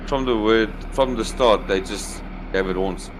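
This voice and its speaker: A man's voice: on the low side, measured pace. A man with a South African accent giving casual sports commentary as a co-commentator. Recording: loud vehicle noise behind.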